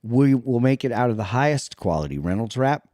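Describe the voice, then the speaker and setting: A man co-hosting a casual panel show, cracking deadpan sarcastic jokes in an easy conversational way. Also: mid-range voice, fairly quick, no room sound, studio quality. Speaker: podcast co-host.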